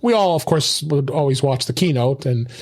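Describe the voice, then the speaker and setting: A man's voice: medium pitch, animated, moderate pace, a little mellow. Rambling man hosting a tech podcast. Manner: rambling, many fillers and restarts. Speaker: podcast host. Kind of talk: casual tech podcast chat.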